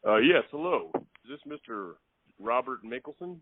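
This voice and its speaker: A man making a phone call, polite and halting, often repeating his words. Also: medium pitch, animated, very noisy. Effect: heard over a phone line. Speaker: prank caller. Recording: thin, dry phone line.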